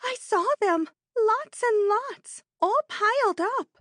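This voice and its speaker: A woman voicing a small, timid, anxious young piglet with a squeaky voice in a children's storybook reading. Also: expressive, slow, fairly bright tone, full character voice. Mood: eager.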